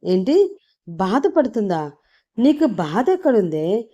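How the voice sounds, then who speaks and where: A woman's voice: medium pitch, expressive, moderate pace, warm tone, close to an everyday voice. A woman playing a jealous, scolding young man. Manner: sarcastic, scolding. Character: stern, jealous young man, sharp-tongued. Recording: dull lo-fi recording.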